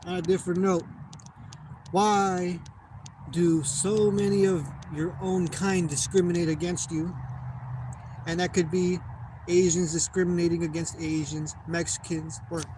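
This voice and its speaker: A man's voice: sits high, darkish tone. A young American man in a casual monologue, swearing a lot and rambling as he loses his train of thought. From United States. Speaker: vlogger. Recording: noisy background.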